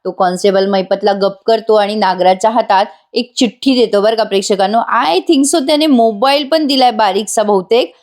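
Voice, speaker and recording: A woman's voice: medium pitch, normal speed, hardly any pauses, darkish tone. A woman recapping a television serial episode in voice-over, chatting directly to her viewers.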